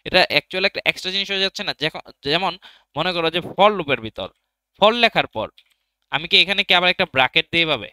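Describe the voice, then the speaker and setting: Bright, fast-talking man teaching code. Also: a little high, expressive, no echo. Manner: thinks aloud while typing, asks and answers his own questions. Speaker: programming teacher. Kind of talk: casual screen-recorded coding tutorial.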